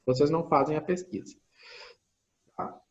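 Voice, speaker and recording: A man's voice: a little high, moderate pace, darkish tone. Brazilian male lecturer teaching remotely, step-by-step and thinking aloud, with dull lo-fi mic sound. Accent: Brazilian Portuguese. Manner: explains step by step, thinking aloud, often checks in with listeners. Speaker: university lecturer. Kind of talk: online lecture with screen sharing.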